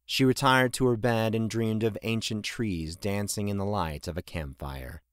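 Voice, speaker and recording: A man narrating a fantasy audiobook in a measured, even way. His voice sits low. The recording is close and dry. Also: clear, resonant tone, no room sound. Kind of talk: scripted narration.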